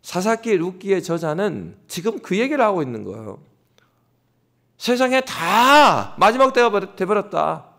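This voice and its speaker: A male pastor preaching an animated early-morning sermon in a church, addressing the congregation directly. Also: high-pitched, moderate pace, vocal fry. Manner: animated preaching, acts out scoffing voices. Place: church sanctuary.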